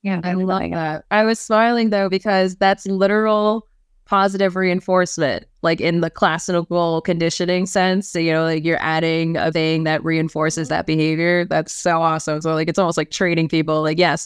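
A woman's voice: on the low side, flat delivery, moderate pace, clean tone, dry recording, studio quality. A woman with a cold and a congested voice, chatting upbeat in a podcast conversation. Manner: upbeat, chatty, many fillers. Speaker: podcast co-host. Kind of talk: casual chat.

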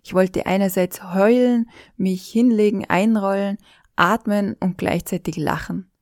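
A woman's voice: mid-range voice, darkish tone, no echo, clean studio sound. A middle-aged woman with an Austrian accent, telling an emotional personal account in an intimate voice that often sinks to a whisper. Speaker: storyteller.

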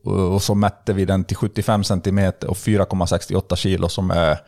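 Low-voiced man telling a fishing story. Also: gravelly. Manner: animated, acts out dialogue, lots of fillers and restarts. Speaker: podcast guest. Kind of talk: casual storytelling.

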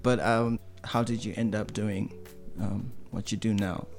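A man's voice: lowish voice, measured pace, gravelly, soft background music. Easygoing male podcast host. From Africa. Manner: relaxed, with fillers and short affirmations. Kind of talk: casual podcast interview.

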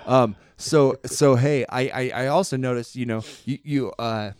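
A man hosting a casual podcast chat, earnest and often halting as he searches for his words. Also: mid-range voice, smooth, dry recording, studio quality. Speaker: podcast host.

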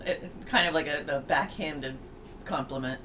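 A co-host on a casual podcast reacts to a film with short agreeing replies and gushing praise. The voice sits at an ordinary middle pitch, and the talk is loose and chatty. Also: normal speed, bright, forceful tone, a little hiss or hum.

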